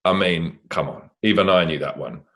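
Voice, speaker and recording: A man's voice: low voice, moderate pace, a bit bright. A middle-aged man co-hosting a quiz, reading questions and telling backstage stories. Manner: reads questions cheerfully, chatty and anecdotal. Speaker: quiz co-host.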